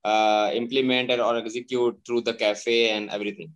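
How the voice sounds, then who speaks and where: A man with an Indian English accent, a cafe founder talking earnestly in an interview, pausing often with "uh". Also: mid-range voice, flat delivery, poor audio. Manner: earnest, many hesitations. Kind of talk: video call interview.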